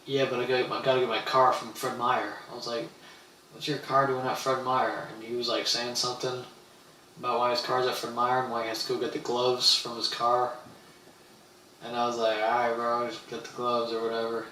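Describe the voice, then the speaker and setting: A man's voice: medium pitch, monotone, fairly quick, pushed and bright, recorded from a distance, a little hiss or hum. Rambling young man, roomy off-mic sound. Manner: rambling, slangy, quotes people in voices. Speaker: streamer. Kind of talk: casual storytelling on a livestream. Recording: roomy, off-mic with faint ambience.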